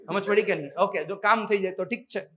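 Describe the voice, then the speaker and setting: A male teacher with a high-sitting voice gives a lively, fast classroom lecture, drilling the class with call-and-response questions and often calling out to the students.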